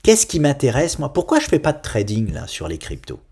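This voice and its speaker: A man from France hosts an investing talk show in a loose, conversational way. He rants and addresses his viewers directly, with his voice jumping high for emphasis and dropping to quiet asides. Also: wildly swooping pitch, fairly quick, slightly rough. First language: French. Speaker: investing channel host. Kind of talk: casual market commentary.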